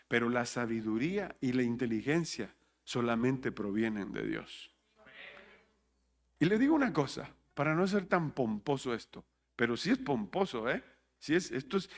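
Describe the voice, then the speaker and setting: A man, preaching a sermon as pastor, joking, laughing at his own jokes and questioning the congregation. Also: medium pitch. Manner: jokey, laughs at his own jokes, acts out listeners' voices.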